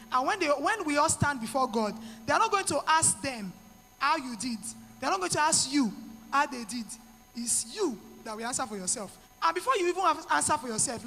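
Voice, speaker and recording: A woman's voice: high voice, pushed and bright, big-room sound. A middle-aged woman with a Nigerian accent, giving an earnest motivational talk to women with pidgin asides. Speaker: speaker to women.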